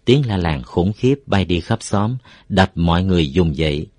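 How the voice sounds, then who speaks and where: A man narrating a story in a steady, unhurried reading voice. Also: low voice, no echo.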